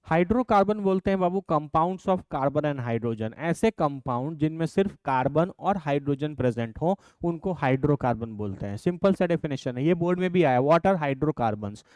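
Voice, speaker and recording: Male teacher, crisp voice with a raised pitch, explains and dictates notes patiently. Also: lively intonation, a little mellow, dry recording. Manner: dictates definitions slowly, calls students "babu". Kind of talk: classroom chemistry lesson.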